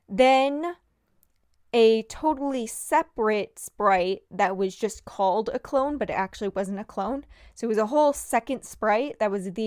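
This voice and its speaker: A woman's voice: a little high, darkish tone, smooth, no room sound, studio quality. A young woman casually narrating a devlog about her first game, rambling and self-deprecating with lots of fillers and a valley girl inflection. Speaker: hobby game developer.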